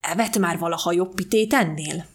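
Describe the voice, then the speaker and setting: A woman reading aloud and voicing a stout, nosy man who talks slowly and a little lower than her narration. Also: slightly rough. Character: stout pushy man, a nosy office colleague.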